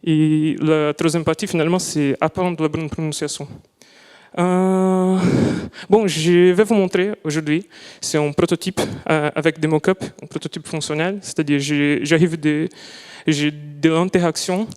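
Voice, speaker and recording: A man's voice: on the high side, steady tone, a little slow, a little mellow, clean tone. Young man presenting in a reverberant hall. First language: not French. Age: young adult. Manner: careful, searching for words, restarts often. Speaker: student presenting a project. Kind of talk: live presentation talk. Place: lecture hall.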